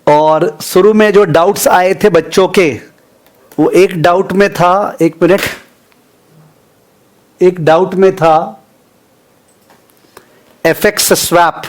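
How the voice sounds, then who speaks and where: A man's voice: high-pitched, fairly even intonation, slow pace, pauses often. A man from India teaching an online finance class in a casual, chatty way, mixing Hindi and English and often checking in with students.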